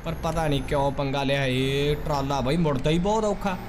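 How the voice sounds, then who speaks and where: A man's voice: fairly high pitch, fairly quick, noisy background. A man, giving casual game commentary to viewers with chatty, hearty, slangy banter. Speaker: gaming video host. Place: indoor room, gaming setup.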